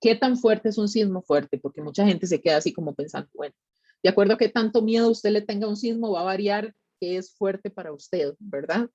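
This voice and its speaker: A woman with a Costa Rican accent explains things like a specialist addressing the public. Her pitch is mid-range and her delivery is conversational, with little tag questions. The sound is dry and slightly muffled, as on a lo-fi recording. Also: a little fast, darkish tone, no echo. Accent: Costa Rican Spanish. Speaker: tsunami monitoring specialist giving a public talk. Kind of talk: explanatory educational presentation.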